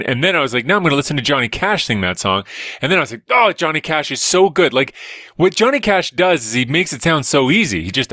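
An evolutionary biologist appears as a podcast guest over a remote call, chatting casually with dry wit and rambling stories. His medium-pitched voice is bright and forceful, and the recording is dry.

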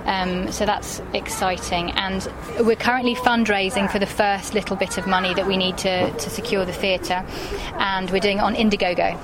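A woman's voice: medium pitch, fairly even intonation, normal speed, few pauses, crowd noise. A woman with an English RP accent, talking reflectively and articulately in a conversational interview. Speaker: interviewed playwright. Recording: clear urban background noise.

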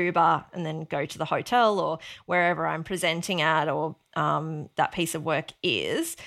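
A woman's voice: deep voice, fairly bright tone. An Australian woman from Queensland, speaking openly and matter-of-factly as a podcast guest, with frequent ums. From Mount Isa, Queensland, Australia. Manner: open and matter-of-fact, with frequent ums and small laughs. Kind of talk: conversational podcast interview.

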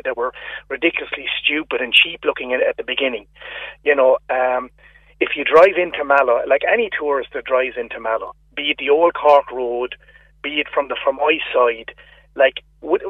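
A man's voice: mid-range voice, slightly rough, no room sound. A man with an Irish accent, calling in to a radio show over a phone line and ranting in exasperation, often repeating himself. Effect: heard over a phone line. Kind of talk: casual call-in complaint. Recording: tinny phone line, dry.

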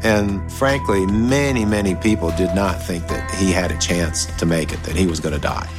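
A man, a doctor, explaining a case calmly in an interview. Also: low-pitched, moderate pace, music in the background. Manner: calm, explanatory.

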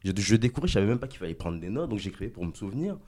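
A man who is a stage director and former dancer, explaining his craft in a lively, emphatic way in a casual chat. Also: on the low side, very fast.

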